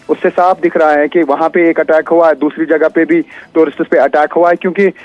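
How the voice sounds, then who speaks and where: Male field reporter phoning in, dry and muffled line, measured and explanatory. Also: a little high, dry recording. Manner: measured, explanatory, frequent "uh" fillers. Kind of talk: news phone-in report. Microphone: phone line.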